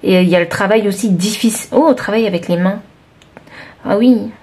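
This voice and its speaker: A woman's voice: mid-range voice, fairly quick, a little mellow, breathy edge. Chatty southern French tarot reader woman. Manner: thinking aloud, hesitant with frequent fillers. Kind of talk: timeless tarot card reading to viewers.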